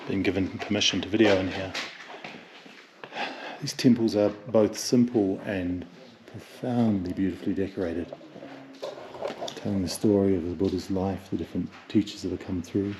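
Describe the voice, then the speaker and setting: A lower-pitched man with a lilt talks through a travel vlog, hushed and full of wonder as he walks through mountain temples. The recording carries a steady wash of outdoor noise behind him. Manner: wondering, softly reverent in temples. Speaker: motorcycle tour leader. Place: outdoors and inside mountain monasteries.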